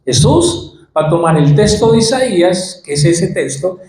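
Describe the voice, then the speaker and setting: A man's voice: high voice, animated, moderate pace, darkish tone, echoey room, poor audio. A male pastor with a Colombian Spanish accent preaching a sermon, acting out Bible scenes as he goes.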